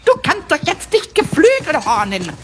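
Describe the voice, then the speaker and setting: A woman voicing a small, cheeky, excitable male kobold in a vintage cartoon style for a children's audio play, exclaiming and repeating words in a childlike way. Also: high-pitched, normal speed. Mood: agitated, pleading. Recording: music behind the voice.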